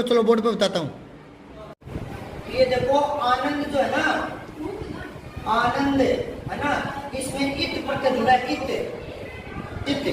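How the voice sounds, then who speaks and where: A male teacher leads a classroom through a Hindi story, stopping again and again to ask whether the pupils follow. His voice sits unusually high. It is picked up from across an echoing classroom, with steady noise behind it. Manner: questioning, keeps checking pupils follow. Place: classroom with a board. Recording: echoey room, far from mic, background noise.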